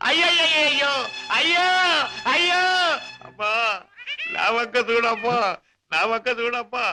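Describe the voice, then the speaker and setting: A man's voice: high voice, sharp tone, low-quality recording. A man playing a scheming middle-aged thief in a comic film, with a theatrical, wailing manner. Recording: old film soundtrack with music.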